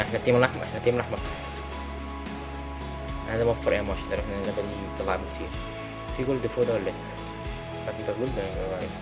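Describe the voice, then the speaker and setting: A young man with an Egyptian Arabic accent giving excitable gameplay commentary, often shouting at enemies. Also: mid-range voice. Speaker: gaming YouTuber.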